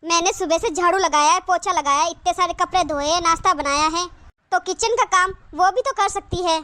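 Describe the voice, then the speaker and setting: A woman's voice: very high-pitched, a little fast, sharp tone, pitched below the performer's own voice. Woman doing a defiant, overworked cartoon daughter-in-law. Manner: argumentative, complaining back.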